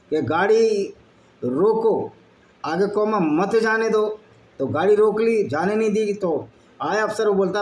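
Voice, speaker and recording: A man's voice: high voice, a little mellow. A man reading passages aloud and breaking into blunt, argumentative asides as a channel host. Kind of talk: reading and commenting on texts. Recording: echoey room with faint background noise.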